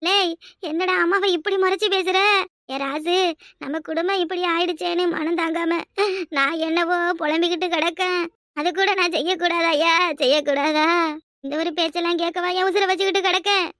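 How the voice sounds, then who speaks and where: A melodramatic village mother, played by a woman for a cartoon, lamenting and sobbing in Kanyakumari Tamil. The voice sits very high. It is recorded dry and close. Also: fairly even intonation, a little fast, a bit bright, no echo. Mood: wounded. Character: wailing middle-aged village mother, dramatic. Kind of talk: cartoon voice acting.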